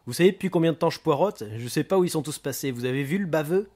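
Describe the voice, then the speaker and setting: A man voicing a loud, foul-mouthed, panicky male gangster in an audiobook reading, shouting and swearing. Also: a little high, brisk, voice pushed up, close to an everyday voice. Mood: furious.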